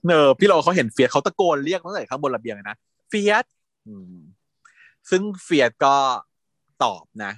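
Animated, lively-pitched man recapping a drama. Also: fairly quick, no echo, clean studio sound. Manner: animated storyteller, laughs often, acts out lines. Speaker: podcast host. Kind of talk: casual chat recapping a TV drama.

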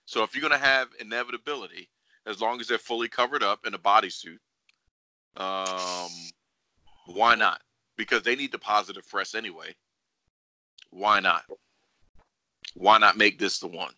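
A man's voice: lowish voice, normal speed, pauses often, sharp tone, dry recording, rough recording. A man hosting a casual sports podcast, speculating in a teasing, opinionated way. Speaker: wrestling podcast host.

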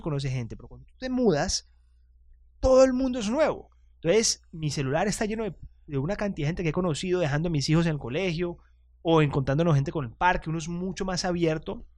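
A man's voice: a little high, a little mellow, no room sound, studio quality. A chatty man hosting a casual podcast monologue, self-deprecating and often restarting his sentences. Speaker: podcast host.

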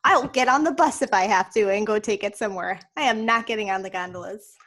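A woman co-hosting a podcast in casual chat, emphatic and quick to laugh. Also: medium pitch, fairly bright tone. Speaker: podcast co-host.

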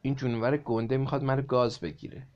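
A panicky schoolboy from a storybook shouts warnings in alarm, as a man reading aloud puts him on. His voice rides a little higher and louder than the reader's own, with a mid-range tone. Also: little pitch movement, highs cut off, lightly acted.

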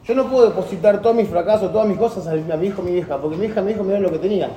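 Fast-talking man with Rioplatense accent. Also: high voice, a crowd in the background. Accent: Rioplatense Spanish. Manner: earnest, rambling, many restarts. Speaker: talk group participant. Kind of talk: personal storytelling in group talk. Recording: echoey room with faint ambience.

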